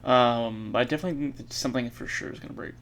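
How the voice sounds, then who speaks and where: A man thinking aloud while he codes, halting and correcting himself, with many fillers. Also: mid-range voice, fairly bright tone. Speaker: programmer streaming his coding practice. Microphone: earbuds mic.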